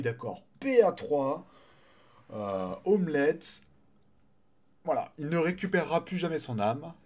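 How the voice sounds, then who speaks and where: A man casting a live online game tournament, chatty and excitable, greeting viewers and swearing casually. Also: on the high side. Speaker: tournament caster and streamer.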